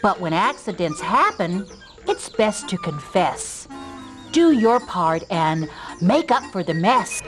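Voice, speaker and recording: A woman's voice: on the low side, very animated, slow pace, music in the background. A woman playing a prim, sweet manners expert who speaks in sing-song rhymes and calls others dearie. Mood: instructive. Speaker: manners advisor host. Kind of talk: children's show character acting.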